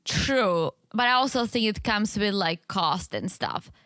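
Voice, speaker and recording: A woman's voice: medium pitch, animated, unhurried, a bit bright, dry recording. A woman co-hosting a podcast in casual, conversational chat. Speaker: podcast co-host.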